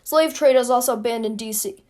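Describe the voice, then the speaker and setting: High-voiced, sarcastic young woman narrator. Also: moderate pace, a little mellow. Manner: sarcastic, playful. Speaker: video creator. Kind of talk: comic history explainer narration. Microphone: phone.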